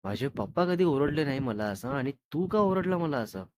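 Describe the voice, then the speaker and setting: Sulky young girlfriend, storybook reading, man reading her part, pleading, complaining, mid-pitched. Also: animated, moderate pace, slight background noise, close to an everyday voice.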